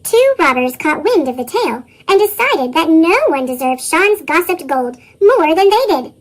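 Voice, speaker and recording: Chipmunk voice storybook reader, super high squeaky pitch, swoops around a lot. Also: animated, moderate pace. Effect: sped-up, pitched-up chipmunk voice. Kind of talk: storybook read-aloud narration.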